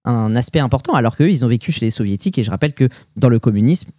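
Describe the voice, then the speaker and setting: A young man with a French accent chats casually on a podcast, swapping travel stories in loose, slangy talk full of fillers. His voice is mellow and relaxed at a middle pitch. The sound is dry and close, with no room around it. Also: racing, no echo. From France. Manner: animated storytelling with slang and fillers. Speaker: podcast co-host. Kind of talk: casual chat.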